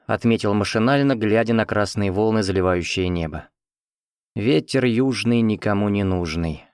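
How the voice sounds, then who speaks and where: A man's voice: lowish voice, a little mellow, no room sound, studio quality. A man reading first-person fiction as an audiobook narrator, in a conversational, wry storytelling manner.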